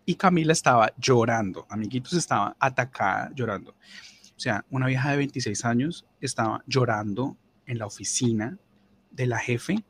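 A man's voice: normal speed, a little hiss or hum. A young Colombian man animatedly telling a funny work story, swearing and mimicking people. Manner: animated, swearing, mimics others in higher voices. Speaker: podcast host. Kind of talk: casual storytelling.

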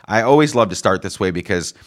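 Deep-voiced enthusiastic male podcast host. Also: lively intonation, fast talker. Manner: enthusiastic, affirming. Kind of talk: podcast interview.

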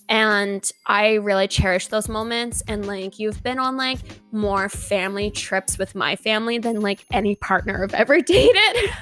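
A young woman in her twenties hosting a casual chat with a friend, warm and full of likes. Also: mid-range voice. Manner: warm, filler-heavy.

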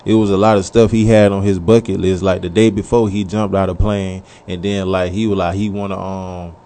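Guest comic, lowish man's voice, laid-back. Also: flat delivery, a little fast, dark tone. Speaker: guest comedian. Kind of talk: casual storytelling.

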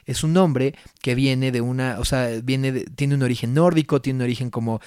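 A young man with a Mexican Spanish accent co-hosting a casual podcast chat, telling animated, slangy stories. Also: medium pitch, moderate pace, smooth, dry recording, studio quality. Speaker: podcast co-host.

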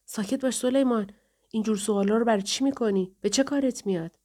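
A woman voicing a fussy, nervous male tavern keeper who scolds in a hurried way. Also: a little high, warm tone, pitched above the performer's own voice, natural voice. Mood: scolding.

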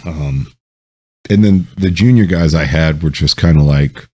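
With a rumbling low, warm and husky voice at a measured pace, this podcast host shares military stories. He rambles casually, swearing and saying um a lot.

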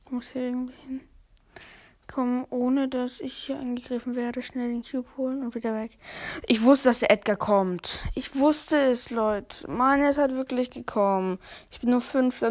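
A woman with a fairly high voice commentates on the game being played. The delivery is casual and chatty, full of gamer slang, as if thinking aloud while playing. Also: fairly even intonation, moderate pace, darkish tone. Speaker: gamer commentating own play. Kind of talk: casual let's play commentary.

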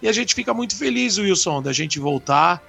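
A man's voice: high-pitched, expressive, moderate pace, creaky, a bit bright, soft background music. A Brazilian man co-hosting a radio show in casual, conversational chat.

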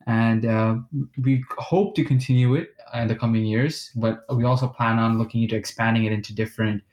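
A man's voice: mid-range voice, steady tone, a little fast, darkish tone. A nineteen-year-old man co-hosting a casual podcast, explaining steadily with uh fillers. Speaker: podcast co-host.

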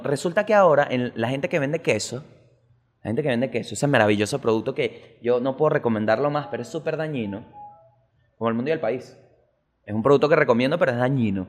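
A man with a Venezuelan accent who hosts a comic news show and rants fast, swears a lot, and jumps sharply in pitch. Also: long reverb tail. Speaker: host.

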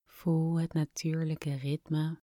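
A woman guiding a relaxation exercise in a soft, breathy, soothing near-whisper, like a spa meditation. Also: sits low, level tone, slow pace, no echo, clean studio sound. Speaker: podcast host, relaxation guide.

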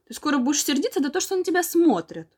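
A boy from an old storybook, stung and curt, firing off a reproach, as a woman reads him aloud. The voice is high and lively. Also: fast talker. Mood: reproachful. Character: offended boy, curt and hurt.

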